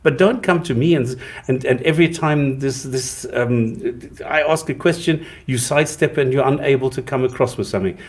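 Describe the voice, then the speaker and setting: A man's voice: mid-range voice, moderate pace, few pauses. A co-host man in a heated debate, blunt and scolding, exasperated with his opponent.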